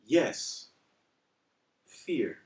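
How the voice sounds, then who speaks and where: A man preaching a devotional Bible teaching, telling humorous stories with wry asides. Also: very slow. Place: church. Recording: echoey room, speaker far from mic.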